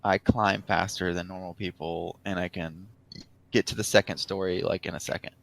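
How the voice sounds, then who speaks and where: A man's voice: sits low, flat delivery, normal speed, gravelly, no echo. A man playing a tabletop game, speaking plainly and swearing casually. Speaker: player.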